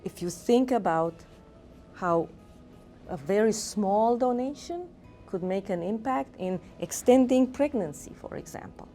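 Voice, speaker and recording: A woman's voice: mid-range voice, expressive, measured pace, warm tone, faint music behind. A middle-aged woman from Romania, a physician and researcher, speaking earnestly in an interview with fillers and restarts. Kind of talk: interview talk.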